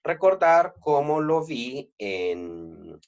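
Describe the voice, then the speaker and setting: A man's voice: on the high side, big pitch swings, very slow, darkish tone. A man explaining Greek verb forms in a lesson, with many "eh" fillers as he thinks aloud. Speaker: Greek teacher. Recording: dull lo-fi sound.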